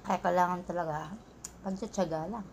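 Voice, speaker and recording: A woman with a fairly low voice talks through a mouthful, chewing as she chats to her viewers in a relaxed vlog. She keeps calling them guys, and a faint hum of noise sits behind her. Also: normal speed. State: chewing while talking. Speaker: vlogger. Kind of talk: casual mukbang vlog chat.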